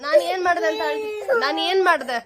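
A woman's voice: very high voice, animated, brisk. A woman at home, a mother, coaxing her child with repeated, questioning talk. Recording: loud background noise.

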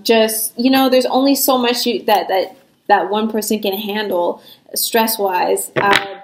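A woman's voice: fairly high pitch, echoey room, a little hiss or hum, low-quality recording. A young woman giving a casual tarot reading, talking frankly and reassuringly with lots of fillers. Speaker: tarot reader.

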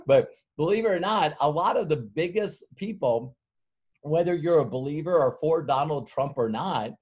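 Middle-aged male workshop speaker, mid-pitched, rambling storyteller, chuckles and fillers. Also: darkish tone. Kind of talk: motivational sales workshop talk.

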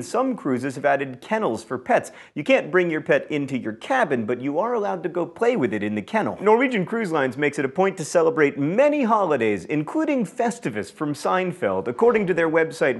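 Wry man hosting a lively trivia list. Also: medium pitch. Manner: wry, deadpan asides, brisk delivery. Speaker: host. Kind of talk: scripted trivia list show. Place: small studio room with shelves of toys behind.

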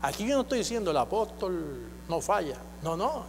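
High-voiced man preaching a sermon in an echoey hall. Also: very animated, normal speed, gravelly. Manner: exhorting, builds to loud repeated declarations. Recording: echoey hall with faint hum.

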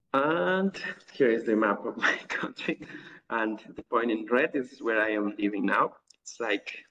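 A man's voice: on the low side, a bit bright, slight background noise. A man from Ecuador, giving an online academic talk over a video call with many fillers and restarts. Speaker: guest lecturer. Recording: distant, dull video call audio.

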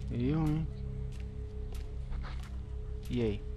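A man's voice: mid-range voice, extremely slow, highs cut off, over music. A man in his thirties with a Brazilian accent, commenting live as a scared horror game streamer on a headset mic. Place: indoor room at home.

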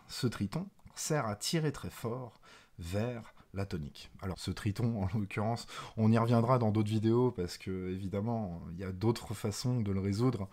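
A man teaching music theory in a lively, emphatic way, with playful asides, as he plays examples on the piano. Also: on the low side. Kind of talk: explanatory video lesson. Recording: piano playing alongside the voice.

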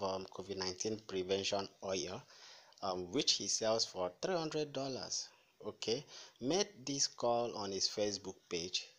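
A man's voice: fairly low pitch, pushed and bright, low-quality recording. A Nigerian man talking casually to viewers as a commentator, with many fillers and "okay?" tags. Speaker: news commentator.

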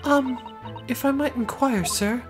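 A man's voice: very high-pitched, a little slow, music in the background, pitched above the performer's own voice. A man voicing an anxious, genteel Victorian wife in a game, flustered and polite. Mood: pleading.

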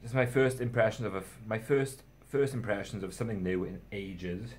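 Young guy, lowish voice, loose rambling vlog chat, mocks himself, swears casually. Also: steady tone, a little fast, a little mellow. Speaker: fragrance reviewer.

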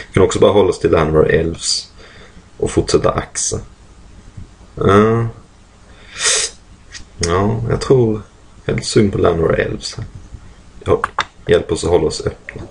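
A man casually commentates a card draft, thinking out loud with lots of fillers and frequent throat-clearing. His voice is deep with a darkish tone.

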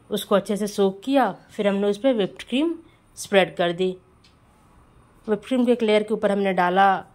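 A woman's voice: mid-range voice, darkish tone. Chatty woman baker narrating a tutorial. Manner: chatty, friendly, addresses viewers as friends. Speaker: home baker teaching cake decorating. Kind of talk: casual voice-over tutorial.

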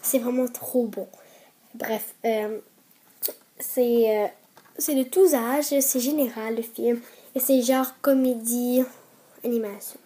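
Québécois woman reviewing movies, kinda high mellow voice, lots of uh's, excited and chatty. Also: measured pace. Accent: Québécois French. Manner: hesitant, many fillers, chatty and enthusiastic. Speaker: film reviewer vlogger. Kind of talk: casual video reviews.

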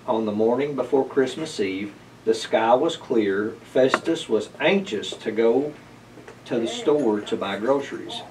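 A middle-aged man, the library board chair, reads a children's storybook aloud in a library room lined with bookshelves. His voice is medium-pitched with a darkish tone. He is recorded from a distance, and the quality is low.

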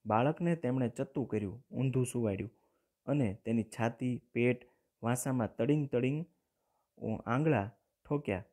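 Speaking with a Gujarati accent, this male teacher reads a story out loud before explaining it simply, frequently pausing to clear his throat. His pitch is medium, his pace moderate, and his tone mellow.

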